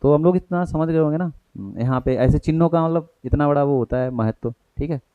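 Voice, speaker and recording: A man's voice: on the high side, brisk, dry recording, narrow, tinny audio. A man with an Indian accent teaching an exam-prep grammar lesson, explaining in Hindi with English terms and asking and answering his own questions.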